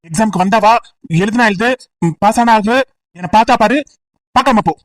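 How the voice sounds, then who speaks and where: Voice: mid-range voice, brisk, dry recording, natural voice. A voice actor playing a clingy young male student who stammers and sulks at his friend, as comic voice acting on a distant, dry mic. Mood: sulky. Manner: hesitant, sulky, stammering.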